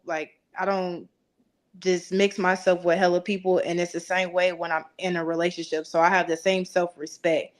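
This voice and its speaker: A woman in her twenties talking casually as a guest on a panel. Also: fairly low pitch. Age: 20s.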